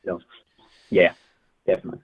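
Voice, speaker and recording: A man's voice: brisk, no echo. A man taking a cold sales call over the phone, polite and hesitant with frequent ums. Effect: heard over a phone line. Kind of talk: casual phone conversation. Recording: tinny dry phone line.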